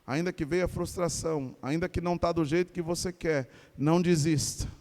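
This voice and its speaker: A Brazilian pastor with a slightly high, slightly quick voice preaches to his congregation in a church, and the sound carries like a big room. Speaking with a Brazilian Portuguese accent, he preaches animatedly, putting questions to the people and urging them to call back their answers.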